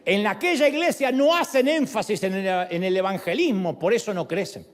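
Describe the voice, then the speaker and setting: Male pastor, sermon delivery, lively and expressive, raised pitch. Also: moderate pace. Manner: animated, shifts voice for quoted speech and jokes.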